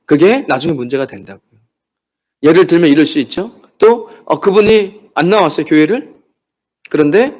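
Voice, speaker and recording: A man preaching a midweek church sermon, talking to the congregation and acting out the words of disciples and churchgoers. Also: high-pitched. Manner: animated, acts out quoted voices of disciples and churchgoers. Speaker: pastor.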